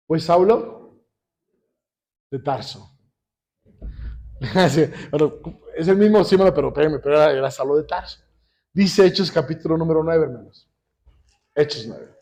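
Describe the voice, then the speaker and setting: A man preaching a sermon in church, repeatedly asking the congregation questions and reading scripture slowly. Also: on the high side, lively intonation, a little mellow. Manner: addresses congregation constantly with rhetorical questions; reads scripture slowly and deliberately. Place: church service.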